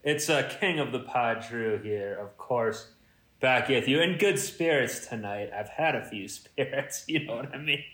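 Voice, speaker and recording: A man's voice: mid-range voice, measured pace, a bit bright, echoey room. A man co-hosting a comedy podcast in casual improvised chat, with a jokey mock-regal manner. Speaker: podcast co-host.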